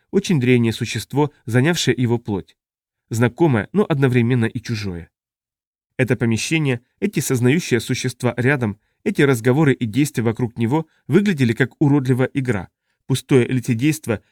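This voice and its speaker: A man reading an audiobook in a measured, even narration. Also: mid-range voice, no echo, clean studio sound.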